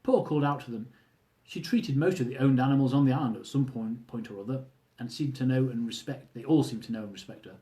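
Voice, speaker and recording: A man reads his own humorous travel memoir aloud in an audiobook style, his mid-range voice fast and mellow, though the audio quality is poor. He tells the story wryly and slips in asides to listeners.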